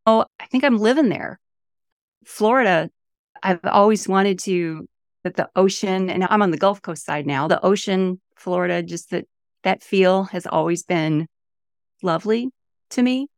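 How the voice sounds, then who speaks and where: Her voice sits in the mid-range and moves at a measured pace, captured at studio quality with no echo. This fifties-aged author from the St. Louis area, USA, is an enthusiastic podcast guest in relaxed interview conversation.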